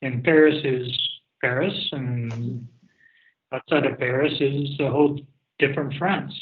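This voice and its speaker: A man chatting casually on a video call, deliberate and repeating words as he thinks. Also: mid-range voice, fairly even intonation. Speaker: participant in an online happy hour. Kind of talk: casual chat. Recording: dull lo-fi call audio.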